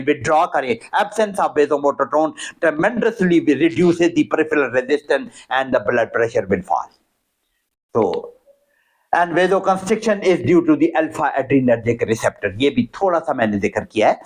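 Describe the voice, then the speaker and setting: Slow, high-voiced man lecturing on physiology. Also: rough recording. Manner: switches between English and Hindi-Urdu mid-sentence, repeats terms, frequent fillers. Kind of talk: classroom lecture.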